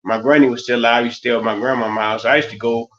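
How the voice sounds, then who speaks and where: A man in his fifties from the United States hosts a stream, rambling loosely in a casual monologue full of fillers and restarts. His mid-range, slightly bright voice stays steady and very fast, and the lo-fi stream audio sounds slightly dull.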